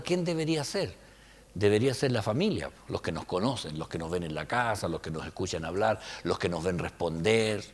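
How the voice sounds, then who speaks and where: A man preaching a Bible study sermon as pastor, conversational, often checking in with his listeners, moving between soft asides and loud emphatic peaks. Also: low-pitched.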